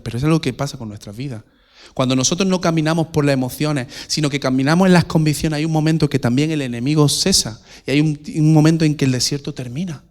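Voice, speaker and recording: A man's voice: medium pitch, a little mellow. Emphatic preacher man. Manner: direct, questioning, emphatic. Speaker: pastor. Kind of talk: sermon. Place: church.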